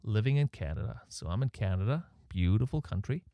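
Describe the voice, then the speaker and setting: A man with a German accent and a fairly low, warm voice with vocal fry talks briskly and expressively in his casual solo podcast. He rambles, voices opinions and runs himself down, with his breathing picked up by a close mic. The recording, made at home in Canada, is dry.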